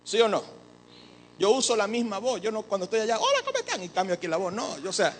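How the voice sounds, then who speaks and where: A man preaching a sermon as an apostle, animated and joking with the congregation. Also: high-pitched, fast talker, breathy edge, rough recording. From Venezuela. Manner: animated, joking with the congregation, mimics others' voices.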